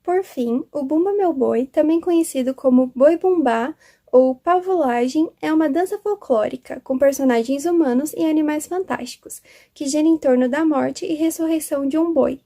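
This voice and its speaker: A young woman with a high, soft-toned voice reads a prepared school text aloud. Her delivery is steady and even, with a mellow, unforced tone. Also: moderate pace. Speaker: student presenter.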